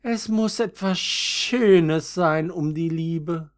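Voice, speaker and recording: A man reading a storybook, voicing a young violet flower who sighs with longing in a high, drawn-out voice. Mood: yearning. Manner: sighing, wistful, drawn-out.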